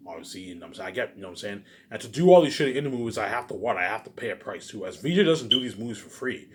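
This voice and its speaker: Heavy background noise surrounds a solo vlogger whose lowish voice races along very fast with lively intonation. Unscripted and casual, he hammers points with slang, circles back to repeat himself, and wanders off into asides.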